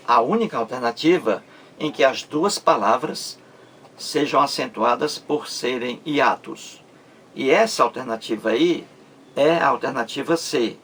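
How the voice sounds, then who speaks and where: A faint hiss or hum sits under this explanatory grammar video, where a man with a mid-range, fairly bright voice talks slowly. He lengthens words syllable by syllable and repeatedly asks his listeners if they've got it.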